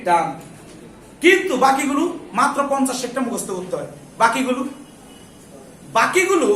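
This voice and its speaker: In an English grammar class, a male teacher with a very high, slightly bright voice rattles off questions to his students and answers them himself. He scolds whoever chats. The echoey classroom is recorded from a distance, with a little hiss or hum.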